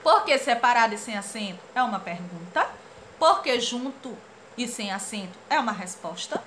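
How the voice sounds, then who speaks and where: A Brazilian woman teaching a children's grammar lesson, animated and playful as she reads out comic strip lines. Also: fairly high pitch, normal speed, slight background noise. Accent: Brazilian Portuguese. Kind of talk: lively classroom lesson for children.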